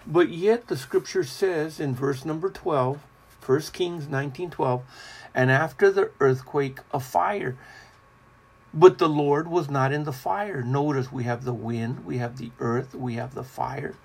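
A man preaching a devotional sermon in a slow, deliberate, repetitive cadence. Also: a little high, creaky, husky.

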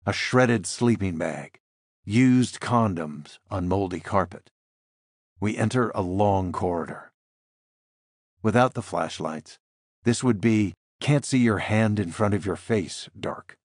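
A man reading a first-person thriller as an audiobook, in a tense, measured way. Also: fairly low pitch, no room sound, studio quality. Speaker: audiobook narrator.

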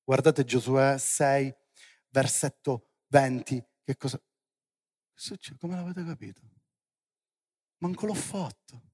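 A male preacher giving a lively sermon to young people, theatrical and building to loud exclamations. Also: mid-range voice, slow, pauses often, slightly rough.

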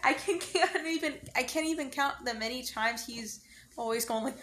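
A woman in a casual group chat, lively, chiming in with short remarks. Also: high-pitched, normal speed, reverberant.

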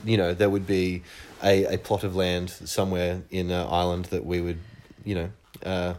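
A man's voice: sits low, monotone, normal speed, darkish tone, slight background noise. A young man from northern New South Wales, a musician being interviewed in casual chat, hesitant and laughing easily. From northern New South Wales, Australia. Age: young adult. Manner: hesitant, many restarts and fillers, laughs easily. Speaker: musician guest.

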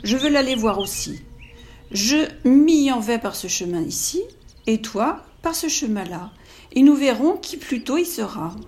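A woman voicing a cunning, smooth-talking wolf in a read-aloud fairy tale. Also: fairly high pitch, expressive, measured pace, a little mellow, a little hiss or hum. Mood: coaxing.

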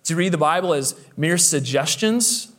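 A man's voice: a little high, expressive, normal speed, fairly bright tone. A man pastor delivering a sermon with emphatic preaching, his voice swelling and dropping for effect, with the occasional hesitant filler.

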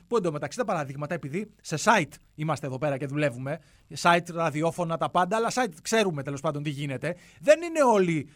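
A man in his forties hosting a sarcastic comic monologue, ranting with mock exasperation. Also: no echo. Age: 40s. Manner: animated, mocking, exasperated rants with sudden high shouts. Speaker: radio-style commentary host.

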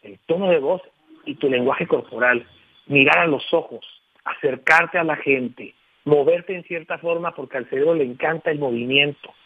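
A man's voice: on the high side, normal speed, husky, no room sound. A man, a guest on a radio show talking over the phone, explaining emphatically and addressing the listener with frequent tag questions. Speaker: guest speaker on communication. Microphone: telephone. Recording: tinny dry phone line.

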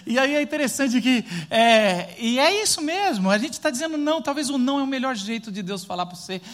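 A middle-aged Brazilian man preaching a sermon as pastor, animated and rhetorical, acting out quotes and family anecdotes. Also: extremely high pitch, brisk. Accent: Brazilian Portuguese.

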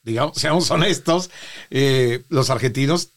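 A middle-aged man with a Mexican accent hosts the interview in a mid-pitched voice. He talks effusively and animatedly, leaning on fillers. The recording is close and dry. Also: unhurried, no room sound. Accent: Mexican Spanish. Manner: effusive, animated, lots of "este" and laughter. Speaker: interviewer, host. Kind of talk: warm chatty interview.

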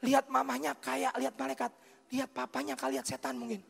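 Seorang pria berlogat Jawa berkhotbah sambil bercerita, menghidupkan adegan dengan bunyi-bunyian dan menyapa jemaat secara langsung. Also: male voice, very high-pitched, fast talker, gravelly, husky. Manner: animated, acts out scenes with sound effects; addresses the congregation directly. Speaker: preacher. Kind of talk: sermon with storytelling. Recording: reverberant hall with faint music.

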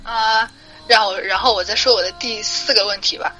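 A woman's voice: mid-range voice, steady tone, fairly quick, music in the background, low-quality recording. A woman listener asking a car podcast her questions, hesitant and full of fillers. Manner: hesitant, many fillers, apologetic.

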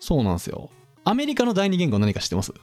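A man's voice: high-pitched, rapid-fire, no room sound, soft background music. A man hosting a casual podcast, explaining topics to his co-host in a chatty, quizzing manner. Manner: lively, quizzes his co-host, drops into playful impressions.

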